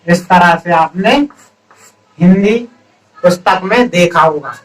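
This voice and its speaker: High-voiced man teaching grammar. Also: slow, far from the mic, poor audio. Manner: explains step by step, asks the students questions and answers them himself. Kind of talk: classroom-style lesson.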